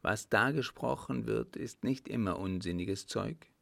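A man voicing a calm, composed servant and former soldier who answers with quiet mockery in an audiobook reading. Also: fairly low pitch, measured pace, vocal fry, no echo, exaggerated voice. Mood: cool mocking. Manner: calm, composed, faintly mocking. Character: cool-headed male ex-soldier servant, calm and mocking.

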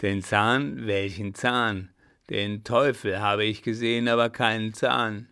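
A man voicing a loud drunken clown. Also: on the low side, steady tone, slow, clean tone, exaggerated voice. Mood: drunk, furious. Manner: loud, growling threats. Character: drunken jealous male clown, coarse and threatening. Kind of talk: audiobook character voice.

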